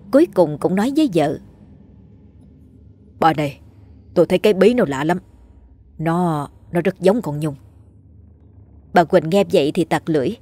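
A woman reading a ghost story aloud as a storyteller, in a steady, measured way. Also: on the low side, slightly rough. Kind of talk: scripted ghost story narration.

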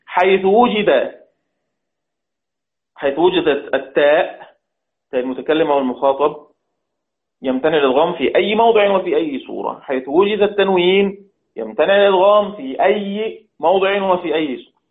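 Man, recitation teacher, somewhat high voice, repeats phrases, chants verses, tinny phone-like sound. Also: brisk. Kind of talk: religious lesson.

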